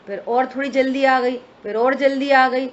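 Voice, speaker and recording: A woman's voice: sits high, steady tone, moderate pace. A woman giving a religious study discourse, explaining step by step and asking her listeners rhetorical questions. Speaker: scripture teacher. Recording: dull lo-fi recording with faint hiss.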